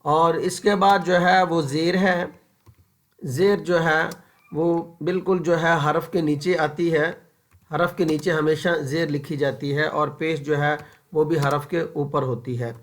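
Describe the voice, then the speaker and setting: A man teaching Quran recitation in an informal tajweed lesson, patiently repeating each example slowly and checking that viewers follow. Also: a little high, steady tone. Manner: frequent fillers and checks for understanding. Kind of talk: informal tajweed lesson over a screen-shared book.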